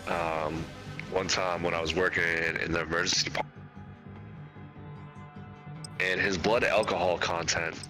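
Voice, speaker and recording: A very deep-voiced man tells a rambling, relaxed story while his wireless headset keeps cutting out, leaving choppy gaps. Game music plays loudly behind him. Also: moderate pace, long pauses. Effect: voice cutting out over a bad wireless headset connection. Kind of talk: casual chat while gaming.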